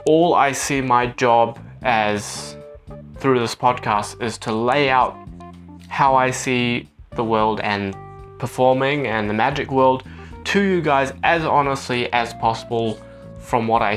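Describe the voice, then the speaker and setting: A man's voice: medium pitch, takes it slowly, fairly bright tone. Young New Zealand man, earnest podcast monologue over guitar. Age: young adult. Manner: earnest, reflective. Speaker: podcast host. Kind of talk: casual solo podcast monologue. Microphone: phone voice recorder.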